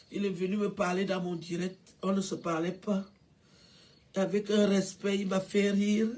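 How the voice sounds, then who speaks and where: An older woman, tearful and halting, repeating herself as she pays tribute on a phone live stream. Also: medium pitch, a little mellow. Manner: halting, repetitive, stammering. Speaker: livestreamer paying tribute.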